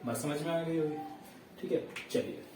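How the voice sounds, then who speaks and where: A man's voice: fairly high pitch, warm tone, slight background noise. Male tutor, patient step-by-step explainer, recorded from a distance in a reverberant classroom. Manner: explains step by step, checks in with students; dictates sentences slowly word by word. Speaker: teacher. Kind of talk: classroom grammar lesson. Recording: echoey room, voice heard from a distance.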